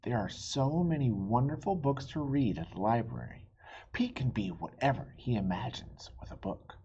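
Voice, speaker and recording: At a normal speed, a very low-voiced woman hosts a read-aloud of a children's picture book, expressive throughout and making friendly asides to young listeners. The audio is dull and lo-fi, with faint noise in the background.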